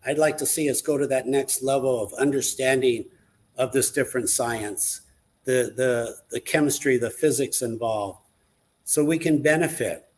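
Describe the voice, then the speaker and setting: A man talks earnestly as a guest on a live online chat show. His voice sits in an ordinary middle pitch, and he speaks in an easy, conversational way. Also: normal speed, a little mellow, slight background noise.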